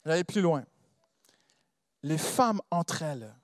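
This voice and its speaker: A man's voice: fairly high pitch, takes it slowly, no echo, studio quality. Guy preaching w a foreign accent, voice swoops up and down a lot, keeps asking the crowd questions. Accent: non-native French accent. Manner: animated, asks the congregation rhetorical questions. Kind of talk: sermon.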